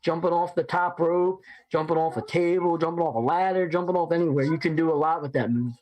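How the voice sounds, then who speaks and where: A man co-hosting a casual watch-along, speaking enthusiastically and piling up one quick example after another. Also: fairly high pitch, steady tone, a little mellow, rough recording.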